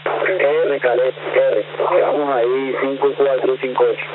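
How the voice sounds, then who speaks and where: A man's voice: mid-range voice, fairly even intonation, unhurried. A man using clipped radio procedure wording as he signs off over a two-way radio. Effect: heard over a two-way radio. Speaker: radio operator. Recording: tinny, noisy radio transmission.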